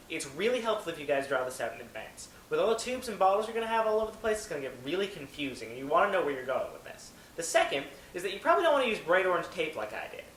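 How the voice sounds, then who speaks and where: A man's voice: on the high side, fairly bright tone, a little hiss or hum, low-quality recording. A man hosting a how-to video tutorial, presenting step-by-step instructions.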